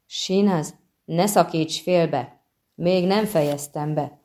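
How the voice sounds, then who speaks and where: A woman's voice: on the low side, warm tone, close to an everyday voice. A woman voicing a weary grown man, a monster hunter, patient but exasperated, in an audiobook. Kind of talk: audiobook reading.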